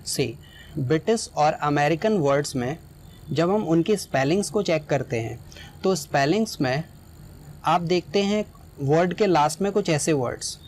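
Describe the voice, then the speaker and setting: Guy teaching a class, kinda high voice, keeps asking "right?" to check you follow. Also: darkish tone, slight background noise. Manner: explanatory, often checks in with "right?". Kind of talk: explaining a lesson.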